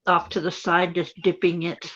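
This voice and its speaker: A woman's voice: fairly low pitch, level tone, moderate pace, fairly bright tone. A woman with some missing teeth, chatting casually as if on a live call. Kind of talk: casual chat about food and shopping. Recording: slightly dull, lo-fi call audio.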